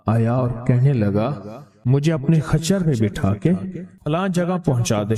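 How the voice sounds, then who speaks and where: A man preaching a sermon and telling a story dramatically, acting out the characters' lines. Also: medium pitch. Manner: dramatic storyteller, acts out voices in quotes.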